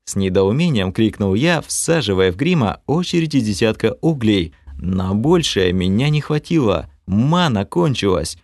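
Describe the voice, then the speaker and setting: A man reading a fantasy audiobook in the first person, animated and expressive. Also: on the low side, moderate pace, few pauses, no echo, clean studio sound. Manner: animated reading with lively shifts of tone. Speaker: audiobook narrator.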